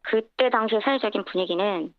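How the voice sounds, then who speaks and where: A woman's voice: medium pitch, brisk, dry recording. A woman, around her fifties, giving testimony as an anonymous guest in a radio phone interview, her voice disguised by processing. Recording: tinny, narrow-band radio phone line.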